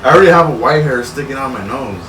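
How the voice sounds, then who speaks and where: A man's voice: mid-range voice, expressive, quick pace. A man co-hosting a podcast, laid-back and telling corny jokes in casual chat. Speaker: podcast co-host. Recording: echoey room, mic at a distance, loud noise.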